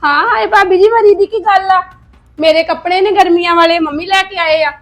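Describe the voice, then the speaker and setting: A woman playing a tired young married woman in an amateur family drama, replying quickly and defensively. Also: very high voice, steady tone, fairly bright tone.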